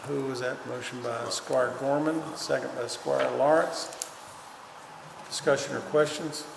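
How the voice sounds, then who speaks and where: A man's voice: mid-range voice, steady tone, unhurried, gravelly. A man presiding over a county court meeting, reading agenda items in a plain businesslike way. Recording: echoey chamber with long reverb and faint noise.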